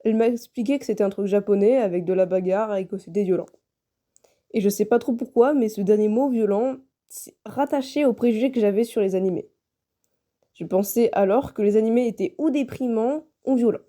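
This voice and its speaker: A woman's voice: mid-range voice, a little fast, dark tone. A young woman narrating a personal scripted video in French as its creator.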